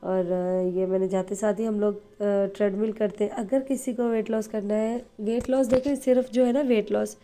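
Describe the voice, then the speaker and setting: A woman from Pakistan talking quickly and chattily to her viewers in a casual vlog, her voice a little hoarse from flu, with many fillers. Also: mid-range voice, steady tone, mellow. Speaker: vlogger.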